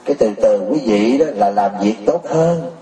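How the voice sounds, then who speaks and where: Mellow-voiced monk preaching. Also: male voice, on the low side, animated, moderate pace. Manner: keeps pressing the crowd with rhetorical questions, often laughing. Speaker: Buddhist teacher. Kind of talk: sermon to a congregation. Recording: roomy, distant mic.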